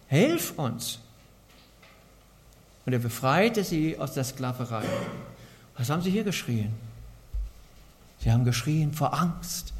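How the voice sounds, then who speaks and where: A man preaching a sermon in an earnest way, asking the congregation many rhetorical questions. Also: on the high side. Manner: earnest, asks rhetorical questions, varies loudness a lot.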